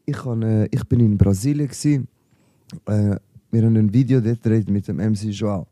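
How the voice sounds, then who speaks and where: A young man with a Swiss German accent tells a story in loose, slangy chat, calling his friend bro again and again. His voice is very dark and mellow. It sits dry and close on the mic. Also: lowish voice, moderate pace, no echo. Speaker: podcast guest, rapper. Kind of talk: casual chat.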